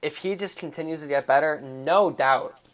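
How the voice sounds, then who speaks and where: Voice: mid-range voice, moderate pace. Young co-host, agreeable and hesitant. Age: young adult. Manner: agreeable, short replies with hesitant restarts. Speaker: podcast co-host. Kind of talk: casual chat.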